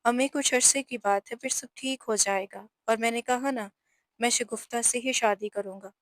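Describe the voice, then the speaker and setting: A woman's voice: on the high side, steady tone, moderate pace, no echo, clean studio sound, lightly acted. A woman voicing a serious young male police officer who is a dutiful son, earnest and pleading in a storybook reading. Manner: earnest, pleading with his mother.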